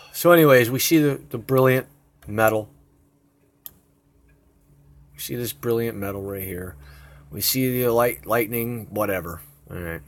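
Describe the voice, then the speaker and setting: A man's voice: medium pitch, a little slow, pauses often. A man rambling and swearing casually as he shares his computer screen in a home video. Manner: rambling, profane, excitable. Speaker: video host.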